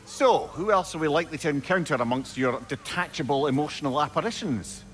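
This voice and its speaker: An actor with a Scottish accent playing a witty, eloquent advisor and companion in a video game, wry and chatty. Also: male voice, on the high side, expressive, fairly quick, a bit bright. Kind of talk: video game character acting.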